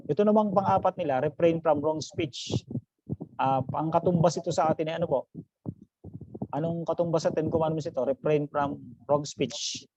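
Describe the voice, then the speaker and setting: A man's voice: fairly high pitch, moderate pace, background noise. A man, a pastor, teaching an online class. He mixes English phrases into his talk, calls his listeners brothers and sisters, and quizzes the class. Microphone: video call. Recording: dull lo-fi video call audio.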